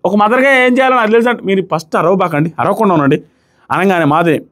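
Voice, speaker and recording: Fast, high-voiced man giving an emphatic review. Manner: emphatic, argumentative, re-enacts quotes loudly. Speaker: show reviewer. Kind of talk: casual reality-show review.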